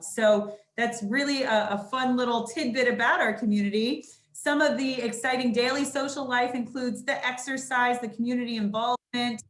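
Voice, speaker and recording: A woman's voice: on the high side, a bit bright. A woman speaking through a face mask, giving a welcoming presentation as a sales and marketing director on a video call. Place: indoors at a senior living community, on a video call. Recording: roomy echo.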